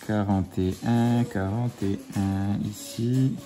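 Music plays under a lowish, fairly evenly intoned male voice. A scratch-card vlogger at home with his children nearby, he scratches lottery tickets, teases the kids, and counts numbers in a playful, drawn-out way.

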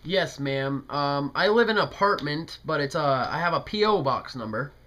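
A young American man makes a prank phone call, playing a polite, hesitant, folksy older customer. His voice is fairly high, pushed and bright, with lively intonation at a moderate pace. He's in a small bedroom, talking into a handheld speakerphone, recorded by a camera at close range.

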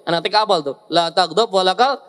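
A male preacher, giving a lively, joking sermon to a seated audience and often teasing them. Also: high voice, fast. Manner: joking, teasing the audience with asides and acted quotes.

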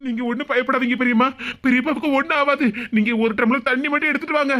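A voice actor doing a quick, high cartoon nephew. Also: fairly even intonation, sharp tone. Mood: reassuring. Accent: Kanyakumari Tamil. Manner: reassuring, urgent. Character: caring young nephew, calm and reassuring. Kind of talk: cartoon voice acting.

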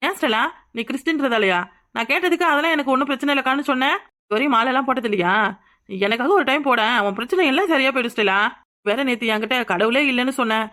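A woman's voice in a cartoon, slightly high and quick. She coaxes and consoles someone in a gentle, caring way. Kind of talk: cartoon voice acting.

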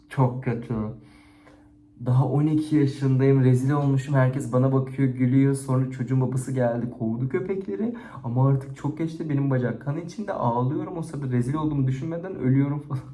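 A man's voice: medium pitch, a little fast. Chatty man in an echoey room. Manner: chatty and expressive, with frequent laughter. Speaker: YouTuber reading viewers' stories. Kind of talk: casual chat to camera, reading and rating stories. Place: indoors at home, set-up camera. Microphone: camera on a stand.

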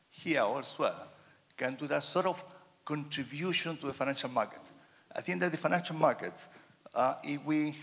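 Man from Chile, gravelly, halting with fillers, hall reverb. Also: medium pitch, fairly bright tone. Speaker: audience member asking a question. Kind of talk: audience question at a panel event. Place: large wood-panelled hall. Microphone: roving handheld mic.

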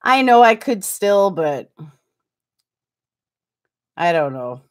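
A woman's voice: mid-range voice, sing-song, slow pace. A woman in her forties hosting a casual livestream, chatting and reading viewer comments aloud in a self-mocking way, laughing often, recorded on a desktop webcam in a small room. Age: 40s. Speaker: livestream host. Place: small indoor room with curtains behind.

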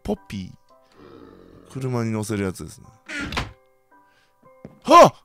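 Young Kansai-accented male gamer host, very animated delivery, lively, soft music underneath. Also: unhurried, gravelly. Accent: Kansai Japanese. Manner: excitable, reacts loudly to surprises, then mutters low. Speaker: gaming channel host. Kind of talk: let's play commentary.

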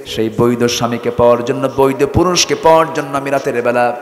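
A man's voice: medium pitch, fairly even intonation, a little fast, faint music behind, lightly acted. A male preacher voicing a defiant young wife who scolds and lists faults, in an echoey hall. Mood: lamenting. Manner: indignant, scolding, listing faults. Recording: echoey hall with long reverb.

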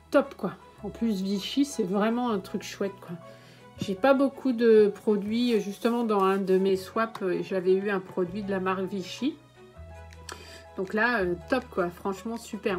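A woman in her thirties doing a casual unboxing vlog, enthusiastic and full of fillers and exclamations. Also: medium pitch. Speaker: beauty and lifestyle vlogger.

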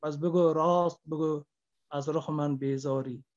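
Man, poet, slow impassioned declamation, repeats lines, fairly high voice, dull call audio. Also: steady tone, darkish tone. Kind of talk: declaiming poetry.

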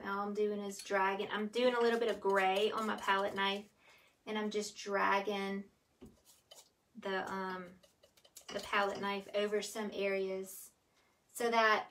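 A painting instructor with a medium-pitched voice, recorded on a distant mic, leads a live painting tutorial. She's chatty and giggly and says y'all.

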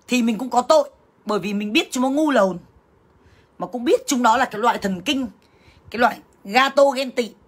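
Her voice is fairly high and husky as she rages at her livestream audience, calling them sisters. The rant is crude, blunt and combative, full of cursing and scolding.

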